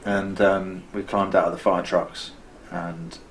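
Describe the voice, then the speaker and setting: British man telling a wild story, lowish voice. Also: flat delivery, takes it slowly, slight background noise, low-quality recording. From Britain. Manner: vivid, acts out quotes, frequent restarts. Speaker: filmmaker interviewed as guest. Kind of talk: animated storytelling in conversation. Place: costume shop.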